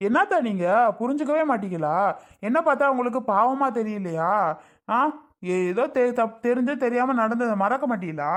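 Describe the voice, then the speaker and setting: A man's voice: extremely high pitch, lively intonation, moderate pace, a bit bright. A man doing a jealous ex-husband. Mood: pleading. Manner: insistent, self-justifying. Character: jealous young ex-husband, pleading and threatening. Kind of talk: Tamil cartoon drama dialogue.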